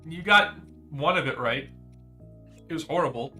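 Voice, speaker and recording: A man's voice: a little high, expressive, moderate pace, pushed and bright, soft background music. A young man chatting casually on a gaming stream, rambling and teasing his friend, full of fillers and restarts.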